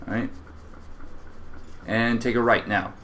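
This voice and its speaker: A man's voice: medium pitch, fairly even intonation, slow, a bit bright, a little hiss or hum. A man co-hosting a casual let's play, joking with his friend and laughing often. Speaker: gaming channel co-host.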